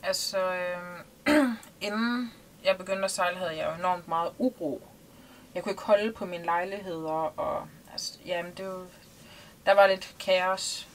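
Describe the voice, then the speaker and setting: A Danish woman in her thirties, a liveaboard sailor, is interviewed while seated in a small boat cabin. Her fairly low voice is casual and thoughtful with many hesitations, and there is a slight hiss or hum.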